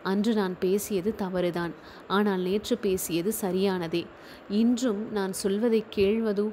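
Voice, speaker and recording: A woman's voice: mid-range voice, fairly even intonation, a little slow, dark tone, a little hiss or hum, lightly acted. A woman narrator voicing a remorseful young man who pleads for forgiveness, in a storybook reading. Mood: earnest. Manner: pleading, pained.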